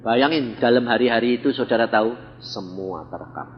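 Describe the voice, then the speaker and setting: An older evangelist from Central Java, Indonesia, with a Javanese accent, speaks briskly in a mid-range voice. Telling a testimony in a sermon, he's blunt and acts out the voices in his stories, recorded in a reverberant hall with dull lo-fi sound.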